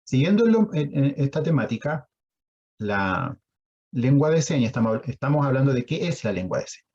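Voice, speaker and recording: A man's voice: medium pitch, big pitch swings, moderate pace, darkish tone, slightly rough, dull audio. A man with a Chilean accent giving an online lecture on sign language, explaining patiently and putting questions to his audience over a video call.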